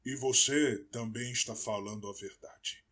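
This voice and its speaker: A sorrowful older father speaks in a hushed, wondering tone, as a male audiobook narrator reads his lines. The voice stays close to the narrator's own, with a middle pitch. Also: fairly even intonation, unhurried, lightly acted. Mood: awed. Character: grieving old man, bereaved father, awed. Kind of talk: audiobook character voice.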